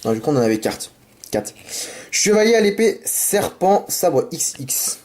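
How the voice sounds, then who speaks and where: A man talks a little slowly, his voice on the high side, while opening card packs despite a sore throat from a cold. He rambles, apologizes, then gets excited about what he finds, in casual home-made commentary on the camera mic.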